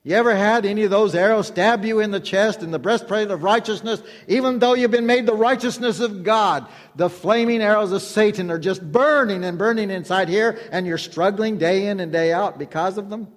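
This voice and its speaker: Male preacher, higher-pitched voice, emphatic repetitive delivery with call-and-response, long hall echo. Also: a little fast, few pauses. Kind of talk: sermon.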